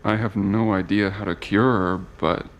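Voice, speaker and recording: A man's voice: fairly low pitch, fairly even intonation, normal speed, slight background noise, lightly acted. A man voicing the wry adult inner thoughts of a reborn boy in an audio drama.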